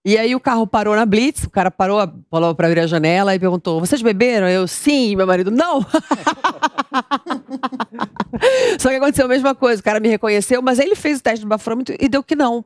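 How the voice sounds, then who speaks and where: A woman's voice: on the high side, a little fast, long pauses, no room sound. A woman hosting a talk show in a studio, teasing her guests with playful questions. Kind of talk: lively studio chat and party game.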